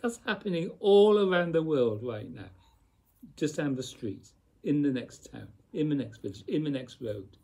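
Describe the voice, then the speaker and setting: A man giving a slow, reflective spiritual talk, speaking deliberately with long pauses and repeated phrases. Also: fairly high pitch, expressive, vocal fry, darkish tone, slightly rough. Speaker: spiritual teacher.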